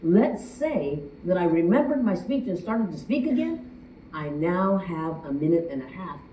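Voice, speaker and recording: Woman judge addressing an audience; lowish, warm voice, roomy distant sound. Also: moderate pace, slight background noise. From United States. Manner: animated, chatty, with sung and acted quotes. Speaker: speech contest judge. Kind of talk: speaking to an audience. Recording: echoey room from far off.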